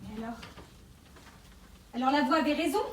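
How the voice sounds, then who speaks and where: A woman's voice: sits high, normal speed, close to an everyday voice. An actress playing an indignant, questioning young woman in a stage play. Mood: shocked, accusing. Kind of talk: theatrical stage play acting. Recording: echoey hall from far off, faint noise.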